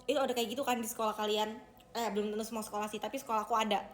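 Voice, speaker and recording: A young woman talks quickly and chattily to her livestream viewers, her voice pitched a little high. She keeps calling them guys as she goes. Faint ambience hums behind her. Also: fairly even intonation, slight background noise. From Indonesia. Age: young adult. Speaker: idol livestreamer. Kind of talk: casual livestream chat.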